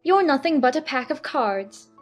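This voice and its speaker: A man doing a high, defiant young Alice. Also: lively intonation, moderate pace, faint music behind. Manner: defiant, loud. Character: bold, indignant young girl Alice.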